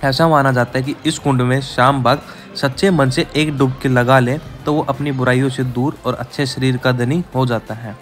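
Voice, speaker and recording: A man's voice: medium pitch, steady tone, moderate pace, hardly any pauses. A man narrating a travel vlog voice-over, giving practical tips to viewers he calls friends. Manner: informative, addresses viewers as friends. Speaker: travel vlogger. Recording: heavy music and crowd noise under the voice.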